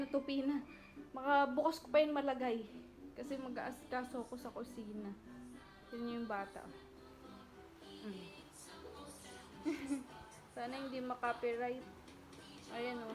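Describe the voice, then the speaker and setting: Chatty woman with a high voice. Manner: playful baby talk with her toddler. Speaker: vlogger mother. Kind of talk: casual home vlog. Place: home with tiled floors.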